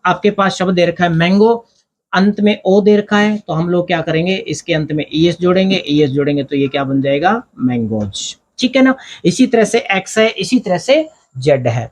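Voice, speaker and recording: A man's voice: high-pitched, normal speed. A man with an Indian accent teaching English grammar at a board, asking questions and answering them himself, step by step. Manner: explains step by step, asks and answers his own questions. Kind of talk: blackboard grammar lesson.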